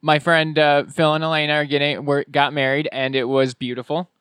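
A male podcast co-host chats in an easygoing, unhurried way. His voice is bright and clear, a little high, recorded dry. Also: flat delivery, no echo. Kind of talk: casual joking chat.

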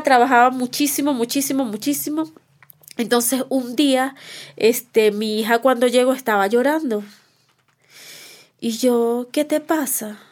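A woman telling her own life story as a mother for a testimony podcast, heartfelt, repeating words for emphasis and acting out past conversations. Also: high-pitched.

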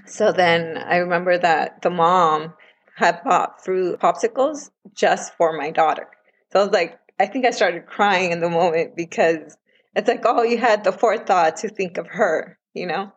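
A woman in her thirties with a husky, breathy voice that sits a little low. She talks earnestly and with feeling as a guest in a casual interview. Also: normal speed, dull audio. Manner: earnest and emotional, quoting others in lively voices. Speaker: guest, parent of a child with food allergies.

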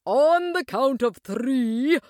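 A woman voicing a grand, showy male circus ringmaster in a storybook reading, announcing with slow flourish. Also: lively intonation, darkish tone, no echo, studio quality. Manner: booming showman announcements. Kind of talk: storybook character voice.

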